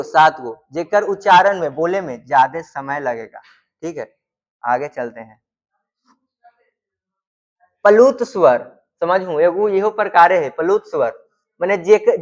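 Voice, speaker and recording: Man, teacher, raised pitch, classroom lecture, stretches out sounds. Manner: asks questions and answers them himself; stretches out sounds to demonstrate them.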